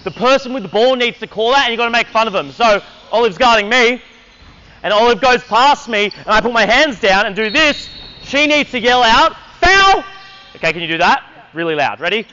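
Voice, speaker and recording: A man's voice: extremely high pitch, lively intonation, brisk, pushed and bright, smooth, dull audio. A man coaching a basketball clinic on an indoor court, energetically calling out drills and counting down for players.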